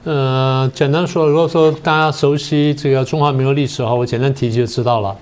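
An older man, a political science professor and guest on a talk show, explaining history in a slow, methodical way. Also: medium pitch, fairly even intonation. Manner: methodical, explains step by step with many pauses.

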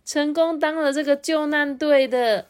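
A mother with a Taiwanese Mandarin accent, reading a children's story to her child and gently explaining it. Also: high voice, steady tone, a little slow. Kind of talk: read-aloud children's story.

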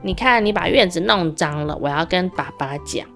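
A woman's voice: fairly low pitch, expressive, normal speed, vocal fry, soft background music. A woman doing a nagging tattletale parrot. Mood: scolding. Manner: scolding, tattling.

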